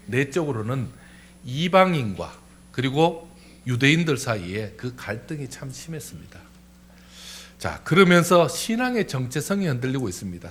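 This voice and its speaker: Lively-voiced male pastor preaching. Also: medium pitch. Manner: lively, asks the congregation questions. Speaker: senior pastor. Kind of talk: Sunday sermon. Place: church sanctuary.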